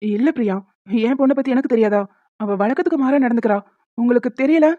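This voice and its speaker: A woman's voice: on the high side, fast talker, no room sound, lightly acted. A woman voicing a worried young father and husband who frets earnestly in a cartoon. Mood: fretful. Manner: earnest, fretful pleading. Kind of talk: cartoon voice acting. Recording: dull lo-fi dry recording.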